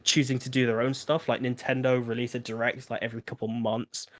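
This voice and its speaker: A man's voice: medium pitch, flat delivery, a little fast. A man chatting as a podcast panelist, rambling and restarting his sentences. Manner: rambling, lots of fillers and restarts. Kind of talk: casual chat.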